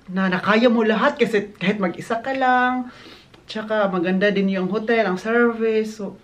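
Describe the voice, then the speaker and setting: A man's voice: high voice, fairly even intonation, moderate pace, fairly bright tone. A man from the Philippines who works in a hotel, chatting casually to his phone camera and acting out what guests said. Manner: chatty, mixes English into Tagalog, acts out quotes. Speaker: hotel worker vlogger. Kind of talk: casual vlog chat. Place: hotel, indoors.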